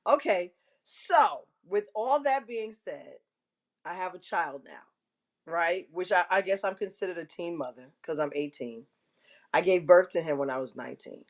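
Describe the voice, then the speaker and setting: Speaking to viewers on her live online show, a woman with a fairly low, big, carrying voice shares a frank personal story at a moderate pace. Her intonation is lively, she pokes fun at herself, and she keeps clearing her throat.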